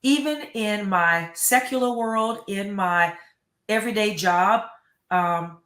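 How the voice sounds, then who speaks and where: A woman's voice: medium pitch, slow, a bit bright. Earnest middle-aged woman superintendent, echoey. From United States. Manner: earnest, emphatic, repeats words. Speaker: school superintendent. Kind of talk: interview answers.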